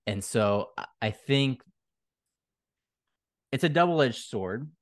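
A man's voice: medium pitch, animated, takes it slowly, dry recording, clean studio sound. A man speaking as an interview guest, explaining his design work in casual conversation.

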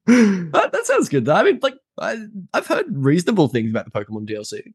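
Animated, playful male podcast host. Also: high-pitched, normal speed, breathy edge, dry recording, clean studio sound. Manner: playful, wry. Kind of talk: casual joking banter.

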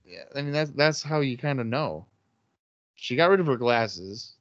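A man's voice: mid-range voice, lively intonation, normal speed, dry recording. A man co-hosting a podcast, giving joking, profane play-by-play of a wrestling match in casual chat. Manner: joking, swears freely. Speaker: podcast co-host watching wrestling. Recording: dull lo-fi dry sound.

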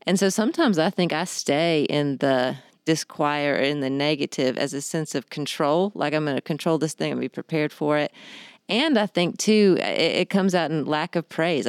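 Introspective woman with a very low, smooth voice. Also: normal speed, no room sound, studio quality. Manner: introspective, self-correcting, repeats words. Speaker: discussion group member. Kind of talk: reflective group discussion.

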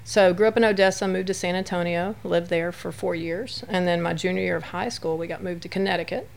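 A woman's voice: on the low side, fairly even intonation, a little fast, creaky. A woman from West Texas, a podcast guest, telling her life story in a chatty, casual way with many fillers.

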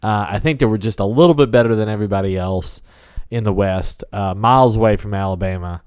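Low-voiced man musing in casual chat. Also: fast talker, darkish tone, clean tone, no echo. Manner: hedging, thinks aloud with many "I think"s. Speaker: podcast co-host.

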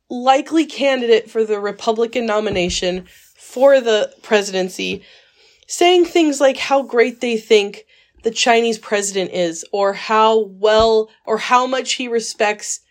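A woman's voice: on the high side, slow. A woman talking earnestly with friends on a casual book club podcast. She presses her points, circling back with fillers and restarts. The sound comes off a phone recording. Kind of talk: casual chat.

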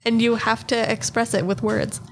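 A woman co-hosting a casual chat, playful, quick to laugh and full of questions. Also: fairly high pitch, level tone, a little hiss or hum. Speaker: podcast co-host.

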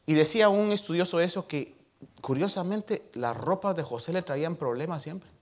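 A man's voice: on the high side, fairly bright tone. A man preaching a humorous, folksy sermon, retelling a scripture story with frequent tag questions and a few English words mixed into his Spanish.

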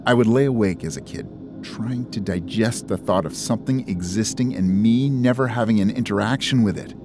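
A young man narrating a first-person story in a measured, introspective way. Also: fairly low pitch. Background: music.

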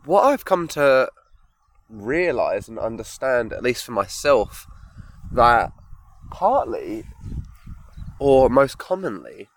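Guy thinking out loud alone, really slow, keeps pausing for the right word. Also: mid-range voice, very animated. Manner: slow, thoughtful, pausing to find words. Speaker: podcast host. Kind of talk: reflective solo monologue.

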